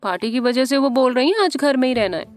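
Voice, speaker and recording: A woman's voice: lively intonation, fast talker, no echo, faint music behind. A woman narrator voicing a cheerful, playful young woman in an audio story. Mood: friendly. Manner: bright and chatty, raised pitch.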